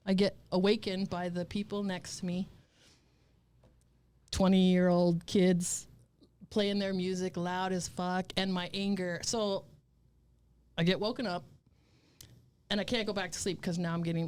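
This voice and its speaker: A woman in her fifties telling stories as a guest in a casual interview, blunt, profane and animated. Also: on the low side, a little slow, long pauses, clean tone. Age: 50s. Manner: animated storytelling.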